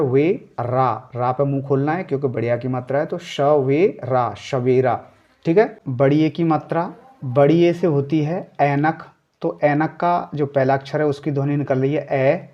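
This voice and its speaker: A Hindi teacher with a slightly high, mellow voice leads a step-by-step reading lesson, sounding out words syllable by syllable before saying them whole. He frequently checks in with "okay", often saying "ठीक है", and the recording is muffled.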